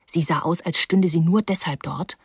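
A woman reading a first-person story aloud in a wry, even storytelling manner. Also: on the low side, moderate pace, slightly rough, dry recording, studio quality. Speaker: audiobook narrator. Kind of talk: scripted first-person narration.

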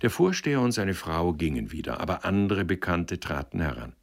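A man reading a novel aloud in a calm, measured narration. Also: low voice, creaky. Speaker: audiobook reader. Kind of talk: literary narration.

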